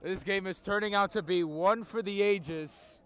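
A man doing live play-by-play baseball commentary outdoors like a radio announcer, with drawn-out, emphatic calls. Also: high voice, fairly bright tone. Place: outdoors at a school baseball field.

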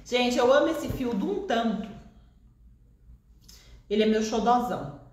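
A woman's voice: a little high, expressive, measured pace, reverberant. A Brazilian woman hosting a live crochet session, chatty and laughing often, with a lingering cough, seated in a shop. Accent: Brazilian Portuguese. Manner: chatty, warm greetings to viewers, laughs often. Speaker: crochet teacher. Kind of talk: live-stream crochet chat.

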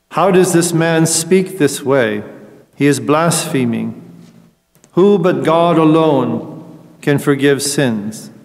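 A middle-aged man, a priest, reading scripture aloud in a slow, measured, solemn way at a lectern in a large church. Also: on the high side. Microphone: lectern microphone. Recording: long church reverb.

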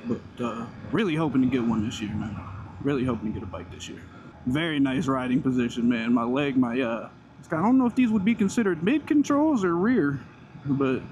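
A man giving casual, enthusiastic first-impression commentary as a motovlogger, his voice enclosed inside a helmet with the mic close to his mouth. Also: fairly high pitch. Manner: laid-back enthusiastic, talking to himself and viewers while riding. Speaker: motorcycle vlogger. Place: inside a helmet on a moving motorcycle, outdoors. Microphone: helmet mic right in front of the mouth. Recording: wind and engine noise in helmet. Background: motorcycle engine, wind noise.

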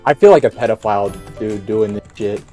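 A man's voice: lowish voice, brisk, dark tone, soft background music, low-quality recording. A young man chatting while he plays a game, giggling often and exclaiming in surprise. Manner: giggly, exclaiming, swings between mumbles and squeals. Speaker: gamer. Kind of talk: casual gaming chat.

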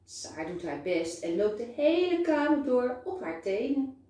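A kindergarten teacher, a woman, reads a children's story aloud with a slow, lively rise and fall in her voice. Her tone is mellow and soft. The recording is distant, in a room with a strong echo. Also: fairly high pitch. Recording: very echoey room, voice far from mic.

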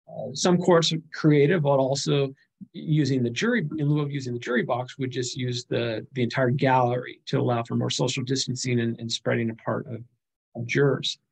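A man's voice: mid-range voice, fairly even intonation, a little fast, vocal fry, slightly rough, low-quality recording. A middle-aged man giving a recorded slide lecture on legal studies, speaking conversationally with frequent fillers and restarts.

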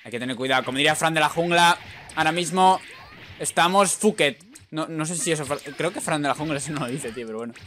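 A man with a Spain Spanish accent giving excitable, teasing commentary over his own online fighting-game matches. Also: a little high, quick pace, a little hiss or hum. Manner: excitable, teasing, frequent "tío". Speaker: gaming YouTuber. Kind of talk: live gameplay commentary.

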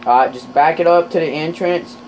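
A man chatting casually while playing a trucking game with a friend, rowdy, swearing a lot, with loud excited outbursts. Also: on the high side, brisk, a little hiss or hum, low-quality recording.

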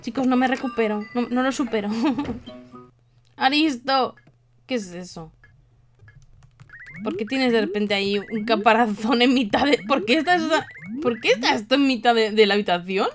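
A woman's voice: fairly high pitch, fairly quick. A young woman with a Spain Spanish accent giving gameplay commentary to her viewers with theatrical, exaggerated dismay. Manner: theatrical mock-grief, exclaiming to viewers. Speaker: gaming channel host. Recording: faint background game music.

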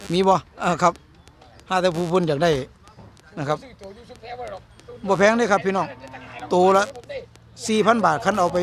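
A high-voiced man with a northeastern Thai Isan accent hosts a cattle market video, calling out to viewers like a live seller and quoting prices again and again. His repetitive sales patter carries over outdoor market ambience and background noise.

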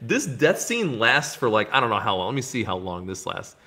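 A man hosting a casual podcast, telling stories in an animated way and acting out the scenes he describes. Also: fairly low pitch, normal speed. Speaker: podcast host. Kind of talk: casual movie-talk podcast chat.

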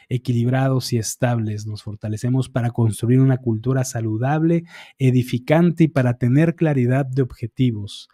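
Eyes often closed and a fingertip pressed to his temple in concentration, a middle-aged energy healer recites affirmations in steady succession during a guided session. His medium-pitched voice is mellow and warm, his cadence calm and measured. Close to a studio mic on a boom arm in a small dark room, he sounds dry and intimate, with no room sound.

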